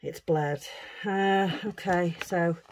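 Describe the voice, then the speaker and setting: The craft vlogger's fairly low, slightly mellow voice stays steady and slow as she unpacks things, musing aloud in casual chat. A little background noise can be heard.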